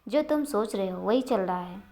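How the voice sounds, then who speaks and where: A woman's voice: mid-range voice, animated, normal speed, lightly acted. Woman reading as a cool, cutting young wife. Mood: calm. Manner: cool, sharp-tongued.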